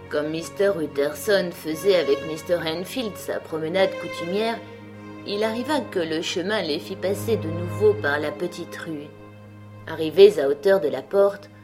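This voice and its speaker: Woman, audiobook narration, steady, clear, lowish voice, soft music behind. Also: moderate pace. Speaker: audiobook reader. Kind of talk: scripted narration.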